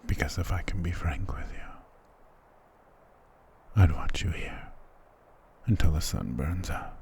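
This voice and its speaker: In an intimate ASMR roleplay, a man plays a dominant, doting vampire lord, speaking with tender possessiveness and formal endearments. His low, creaky, darkish voice keeps a measured pace, and the mood is tender and seductive. There's slight background noise.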